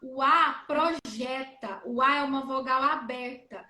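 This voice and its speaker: A woman's voice: high voice, a little slow, sharp tone, roomy sound. A speech therapist woman with a Brazilian Portuguese accent, explaining on a live stream and acting out coughs and vowels as she demonstrates.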